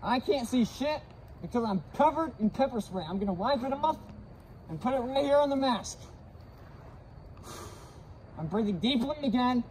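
A man's voice: lively intonation, moderate pace, long pauses, a little mellow, slight background noise, rough recording. A young man speaking through a gas mask while casually demonstrating safety gear in a brash, swearing way. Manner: brash, swearing, breathing deeply. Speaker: vlogger testing safety gear.

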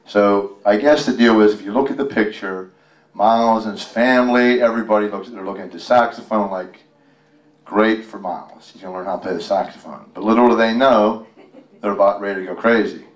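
At a live storytime event in a library room, a Western Pennsylvania man reads a picture book, chatting and cracking folksy jokes along the way. He talks fairly quickly in a lowish voice, captured distantly and roomily by a handheld microphone that a helper holds.

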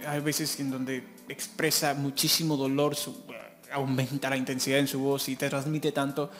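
A man reacting to music on his channel, gushing and excitable, often breaking into laughter as he comments. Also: mid-range voice, moderate pace.

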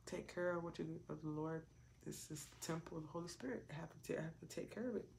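Woman preacher, low gravelly voice, chatty testimony-style delivery with hushed asides. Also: quick pace, a little hiss or hum. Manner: conversational and repetitive, with many "like" fillers and hushed asides. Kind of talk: casual preaching and personal testimony.

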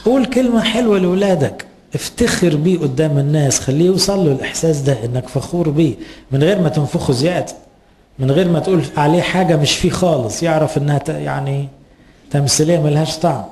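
A man's voice: fairly high pitch, fast talker, a little mellow, a little hiss or hum. A man with an Egyptian Arabic accent, a priest giving an earnest, advising sermon to parents and asking rhetorical questions.

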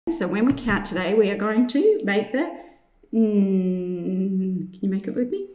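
A woman teacher leading an instructional lesson for young children, enunciating clearly and guiding with simple questions. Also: medium pitch, very animated, a little fast, a little mellow. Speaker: teacher presenting a maths activity. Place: indoors in a room, demonstrating at a tabletop. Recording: echoey room.

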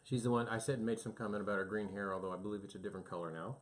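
A man's voice: fairly low pitch, fairly even intonation, very fast. Easygoing middle-aged male co-host. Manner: easygoing, reads shout-outs, laughs often. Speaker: podcast co-host. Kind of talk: casual chat.

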